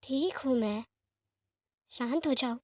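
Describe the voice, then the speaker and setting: A woman voicing a gentle, sick young man who speaks softly and apologetically, in a fan-fiction story reading. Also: sits high, slow, no room sound, studio quality. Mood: hushed. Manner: soft, hushed and apologetic.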